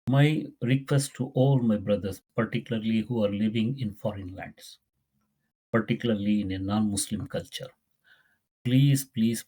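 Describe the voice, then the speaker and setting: A man's voice: on the low side, darkish tone. A man teaching a Quran lesson, earnest and pleading, often repeating his words. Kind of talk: religious lesson.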